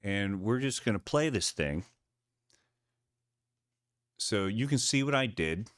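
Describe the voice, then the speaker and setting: A man with a lowish voice talks casually through a short film he scored, narrating each moment. He drops into playful quoted lines for the character's thoughts and laughs along as he goes. The sound is close and dry, with no room around it. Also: expressive, slow, fairly bright tone, no echo. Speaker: composer breaking down his film score.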